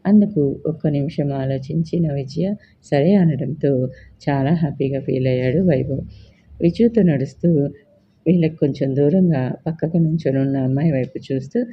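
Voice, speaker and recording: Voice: mid-range voice, moderate pace, muffled recording, a little hiss or hum. A storyteller narrating a love story and voicing all its characters in a plain reading.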